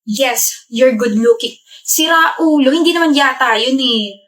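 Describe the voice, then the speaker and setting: A woman's voice: sits high, a little slow, fairly bright tone. A woman playing a brash, funny young student in a comedy skit, talking in a sassy, teasing way. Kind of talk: skit acting.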